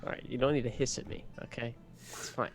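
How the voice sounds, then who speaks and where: A man's voice: mid-range voice, flat delivery, fast talker. A man chatting casually as a tabletop game player, with a dry, joking manner. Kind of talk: casual chat.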